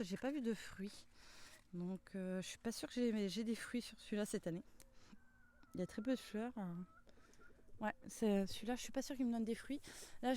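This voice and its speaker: A woman's voice: on the high side, warm tone. Chatty woman touring her garden. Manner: chatty, many fillers and tag questions. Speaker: gardening vlogger. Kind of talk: casual garden tour. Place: outdoor vegetable garden.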